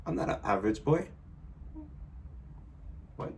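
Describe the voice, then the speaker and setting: Twenties guy, lowish voice, playful, searches for English words. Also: very animated, a little hiss or hum. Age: 20s. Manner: playful, halting non-native English. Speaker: guest partner. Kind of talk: casual couple chat.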